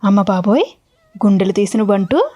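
A woman's voice: medium pitch, expressive, normal speed, mellow, voice pushed down, natural voice. A woman voicing a bold young cowherd woman who exclaims in astonishment. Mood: astonished.

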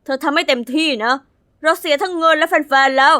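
A woman voicing a scheming, greedy male music producer in an animated story who speaks coldly and pushes hard. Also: sits high, brisk. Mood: pushy. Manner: cold, mocking, pushy.

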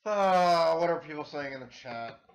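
A man's voice: medium pitch, a little slow. A man hosting a reaction livestream, exasperated, swearing often and laughing in disbelief. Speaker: livestream host.

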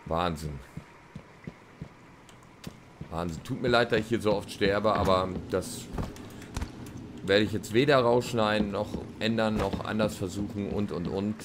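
A man's voice: lowish voice, normal speed. A man hosting a let's play with casual, rambling gameplay commentary, often repeating himself. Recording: clearly noisy with game ambience.

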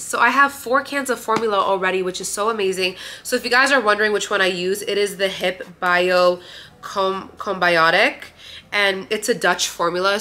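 Young woman vlogger, bubbly haul chatter, crisp bright voice, faint hiss. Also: medium pitch. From Romania. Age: young adult. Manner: gushing, chatty, says "like" a lot. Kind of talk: casual haul video. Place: bright living room indoors.

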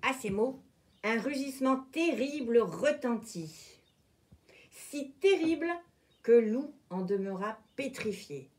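A woman reads a children's storybook aloud at home with dramatic expression. Her voice is high, swinging widely through each sentence. She takes it slowly, letting every phrase land. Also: expressive, a little mellow. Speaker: librarian.

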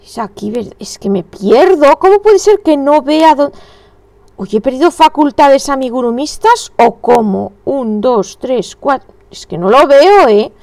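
Woman, slightly high voice, dry close-miked sound, chatty crochet teacher who mutters her stitch counts. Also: lively intonation, measured pace, darkish tone, no room sound. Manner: chatty, thinks aloud, counts stitches under her breath. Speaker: crochet instructor. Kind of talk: casual crochet tutorial.

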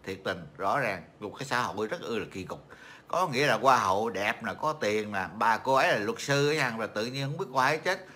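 A man's voice: mid-range voice, expressive, fairly quick, bright, forceful tone. A middle-aged man from Vietnam hosting a casual livestream chat, rambling and mocking, with many fillers and repeated words. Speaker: livestream host.

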